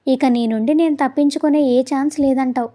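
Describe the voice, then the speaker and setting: Woman reading the part of a stern young man in a romance audio story, gruff and scolding, rather high voice, mellow tone. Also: steady tone, brisk, natural voice. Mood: annoyed. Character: irritable young man, stern yet softening.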